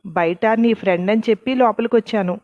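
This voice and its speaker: A woman's voice: mid-range voice, fairly quick, no room sound, muffled recording, natural voice. A woman voicing a determined young woman in a storybook reading, speaking firmly and directly. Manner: firm, direct.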